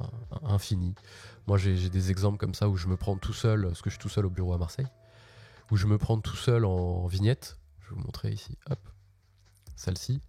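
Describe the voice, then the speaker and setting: A man's voice: lowish voice, vocal fry, warm tone, dry recording. A man hosting a casual live tech walkthrough from his office, chatty and slangy, often restarting his sentences. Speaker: host.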